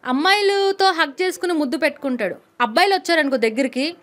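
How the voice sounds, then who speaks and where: A woman's voice: high voice, animated, quick pace. A woman speaking as an interview guest, indignant and quoting others as she argues. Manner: indignant, quotes others mockingly. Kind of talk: heated interview talk.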